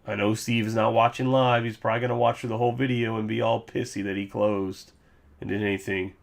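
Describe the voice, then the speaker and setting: Low, gravelly male host for a casual card-break stream; loose and joking. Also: flat delivery, a little fast. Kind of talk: casual live-stream recap.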